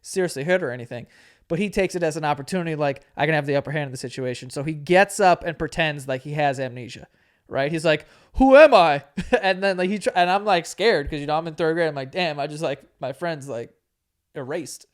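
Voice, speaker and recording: With a voice on the high side and a quick pace, a podcast host in his late twenties shares a story in casual chat. Laid-back and heavy on swearing, he laughs often and acts out people's words.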